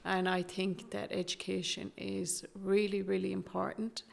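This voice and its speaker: A woman with an Irish accent answering as an interview guest in an earnest, measured, conversational way. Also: medium pitch, level tone, creaky. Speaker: interview guest, Traveller education activist.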